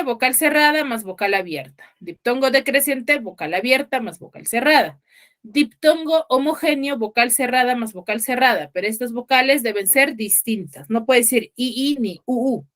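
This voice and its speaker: A woman's voice: high-pitched, animated, normal speed, fairly bright tone. A woman teacher giving an online class, patient and checking in with students often. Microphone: video call.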